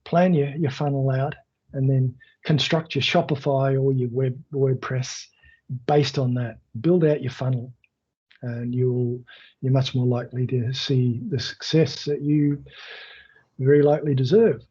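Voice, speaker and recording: A man presenting in a live webinar, answering questions in a loose, conversational way with many fillers and a croaky voice that makes him clear his throat. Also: mid-range voice, steady tone, a little slow, mellow. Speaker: webinar presenter on online selling. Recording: dull lo-fi video call audio.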